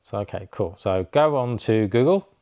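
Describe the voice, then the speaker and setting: A man's voice: lowish voice, moderate pace, smooth. A young man, a snowboard instructor, casually telling a story to camera and acting out the dialogue. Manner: chatty, animated, acts out quoted dialogue.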